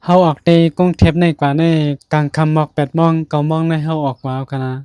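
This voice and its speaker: A man with a Shan accent narrating his own travel vlog in an even tone. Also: on the high side, quick pace, clear, resonant tone, no room sound. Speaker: vlogger.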